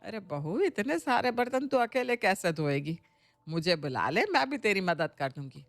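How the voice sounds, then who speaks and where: A warm, motherly mother-in-law from an audio storybook coaxes and fusses over her family, as voiced by a woman. Her voice sits at an everyday middle pitch. It is recorded dry and close, with no room sound. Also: big pitch swings, normal speed, dry recording. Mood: affectionate. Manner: gentle, coaxing, motherly. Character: kind, caring middle-aged mother-in-law.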